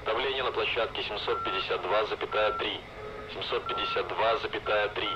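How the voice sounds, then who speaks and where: A man's voice: fairly low pitch, steady tone, a little fast, lo-fi sound. A man playing a clipped radio controller through static. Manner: clipped, formal radio phrasing. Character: calm male ground controller over the radio. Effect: radio transmission over headset. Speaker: air traffic controller. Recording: distant radio voice under loud static.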